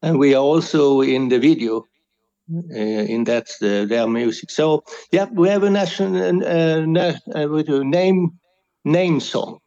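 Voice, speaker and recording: Hesitant man, mellow voice. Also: a little high, muffled recording. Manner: hesitant, searches for English words. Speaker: interviewee, pilgrim. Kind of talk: casual chat.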